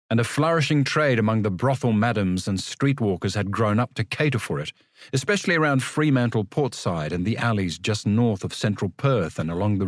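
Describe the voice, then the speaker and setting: A man's voice: lowish voice, no room sound, clean studio sound. A man reading a literary story as a scripted audiobook narration.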